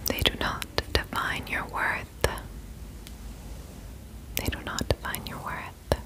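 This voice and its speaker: A young woman gives a whispered pep talk in an ASMR style. Her breathy whisper moves extremely slowly, close to the mic. She repeats short, soothing reassurances. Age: 20s. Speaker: ASMR host. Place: indoor room at home.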